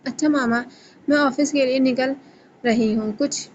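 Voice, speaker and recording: A woman's voice: sits high, fairly even intonation, darkish tone, muffled recording, slight background noise, close to an everyday voice. A woman reading a sulky young man. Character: sulking young man on the phone.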